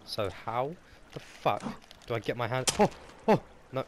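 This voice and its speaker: A young man, chatting casually while playing a game, swearing a lot and breaking into excitable outbursts. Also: mid-range voice, normal speed, noisy background. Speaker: gaming host. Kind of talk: casual gameplay chat.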